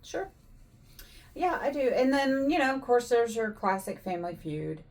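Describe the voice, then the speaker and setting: A woman's voice: on the high side, big pitch swings, moderate pace, darkish tone. A woman co-hosting a vlog in casual conversation, often padding her phrases with "you know". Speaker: vlog co-host. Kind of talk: casual chat.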